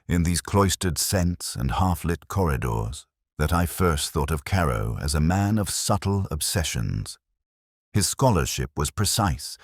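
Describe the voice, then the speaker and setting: An actor playing a pensive, melancholy detective inspector, narrating a mystery in a measured, reflective, literary way. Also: male voice, very deep voice, husky, no echo, clean studio sound, exaggerated voice. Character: pensive, melancholy male English detective inspector, bookish and observant. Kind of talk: scripted first-person mystery narration.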